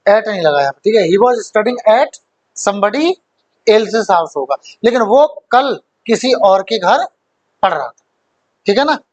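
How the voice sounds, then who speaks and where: A man's voice: high voice, big pitch swings, slow pace, highs cut off. A man teaching a grammar class who quizzes his students, repeats key points, and mixes English terms into his explanations. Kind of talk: classroom lecture.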